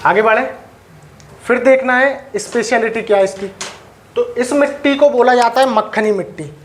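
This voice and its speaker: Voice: medium pitch, moderate pace, slight background noise. A teacher giving a live classroom lecture, dictating notes and regularly asking the students questions and whether they have doubts. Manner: quizzes students and checks for doubts.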